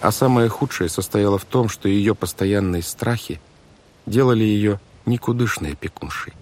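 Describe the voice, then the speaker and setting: A man narrating an audiobook in a measured, expressive storytelling manner. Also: on the low side. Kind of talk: scripted narration. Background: music.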